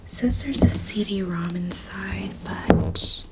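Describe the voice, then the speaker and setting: A woman doing a whispered role-play as a helpful librarian, speaking in a gentle, breathy hush. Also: medium pitch. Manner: hushed librarian manner, gentle and unhurried. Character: soft-spoken, helpful female librarian checking out books.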